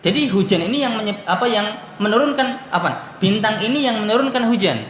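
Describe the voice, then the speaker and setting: A high-pitched man teaches a religious lesson in a roomy, echoing hall with faint noise behind him. He poses questions to his listeners and answers them himself. He tells anecdotes with a chuckle. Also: animated, fairly quick, fairly bright tone. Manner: anecdotal with light laughter. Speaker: Islamic teacher. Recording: echoey room with faint background noise.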